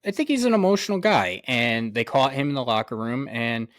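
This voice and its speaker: A man co-hosting a sports podcast, ranting heatedly with lots of swearing, his voice jumping loud and high. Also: animated, brisk, no room sound, clean studio sound. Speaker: podcast co-host. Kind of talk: sports talk rant.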